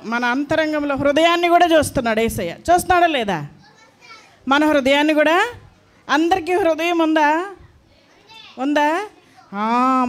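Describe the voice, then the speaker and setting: A woman leads a class of small children. She is firm and coaxing, and she repeats her orders to keep the room in line. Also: sits high. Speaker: Sunday school teacher. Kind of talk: teaching young children.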